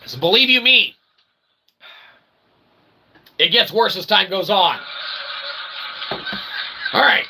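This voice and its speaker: The voice is high-pitched and animated, bright and forceful, yet he goes slowly and pauses often, with slight background noise. He's an independent developer hosting his channel, rambling casually to viewers in mock-formal, wordy phrasing full of "okay" tags and self-deprecation.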